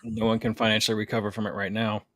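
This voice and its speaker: Punning man with a low voice. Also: monotone, racing, a bit bright, no echo, clean studio sound. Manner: punning, playful, jokey. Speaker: podcast co-host. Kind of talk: casual chat.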